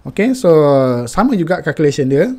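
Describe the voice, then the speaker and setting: Brief: young Malaysian man, mellow tone, patient step-by-step finance tutor, filler-heavy. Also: a little high, sing-song, a little fast, breathy edge. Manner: mixes Malay and English, many fillers.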